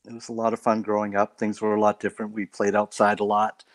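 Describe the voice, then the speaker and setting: A man from Canada, a guest on a faith talk show, telling stories about his life in a relaxed way with light laughs. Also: lowish voice, fast talker, no echo. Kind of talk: casual testimony interview.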